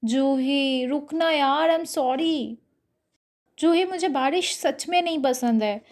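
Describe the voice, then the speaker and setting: A woman's voice: high-pitched, slow, darkish tone. A woman narrator voicing a proud, impulsive young woman heroine with a pleading, flustered way of talking. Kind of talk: audio story character voice.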